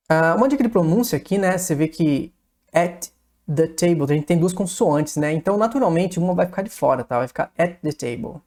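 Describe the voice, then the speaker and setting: Low-voiced Brazilian woman teaching English. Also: a little mellow. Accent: Brazilian Portuguese. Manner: frequent tag questions, patient step-by-step explaining. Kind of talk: explaining grammar in a video lesson.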